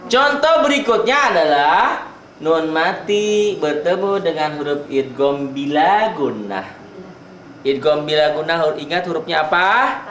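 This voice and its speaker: A man with a high voice teaches Quran recitation at an unhurried, deliberate pace. He patiently repeats each example and stretches out the recited words, and the room around him rings with echo. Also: animated, fairly bright tone, a little hiss or hum. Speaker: tajwid teacher. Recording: roomy echo.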